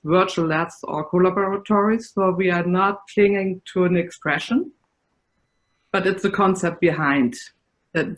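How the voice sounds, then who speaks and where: A woman's voice: fairly low pitch, low-quality recording. A woman with a German accent chairing an online research meeting over a video call, explaining ideas earnestly with small restarts. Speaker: session chair, research professor.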